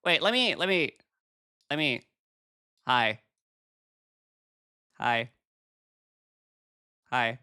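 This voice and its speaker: Woman, VTuber livestreamer, cute cheery anime-streamer manner, casual chat, hugely animated intonation, dry close sound. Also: extremely low pitch, extremely slow, pauses often, clear, resonant tone, no echo.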